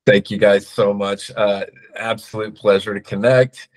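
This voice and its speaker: Guy guesting on a video call, lowish voice, relaxed, lots of uh and like. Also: measured pace. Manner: relaxed, filler-heavy. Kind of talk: casual online chat.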